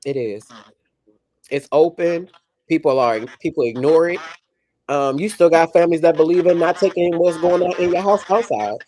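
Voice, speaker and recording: A woman in her forties with a low, dark voice speaks at normal speed as a podcast co-host in casual chat. She talks frankly and emphatically, repeating herself to drive a point home.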